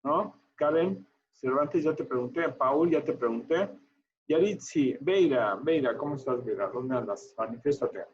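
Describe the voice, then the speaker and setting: A man teaching a medical class, chatty and animated as he tells a story and quizzes students. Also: medium pitch, measured pace, muffled recording.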